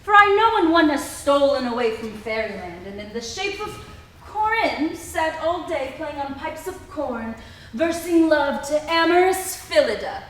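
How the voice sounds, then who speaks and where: A woman's voice: sits high, very animated, a little slow, fairly bright tone, full character voice. A woman playing a proud, indignant fairy queen in theatrical, declamatory Shakespearean stage verse. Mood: scornful. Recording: very echoey hall, far from mic.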